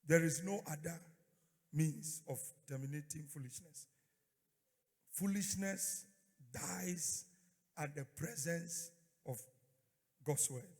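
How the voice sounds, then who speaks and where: Man, fiery sermon delivery, higher-pitched voice, call-and-response preacher, insistent repetition, big reverberant church hall. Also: slow pace, long pauses, breathy edge. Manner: repeats phrases and prompts the congregation to respond. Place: large echoing church hall.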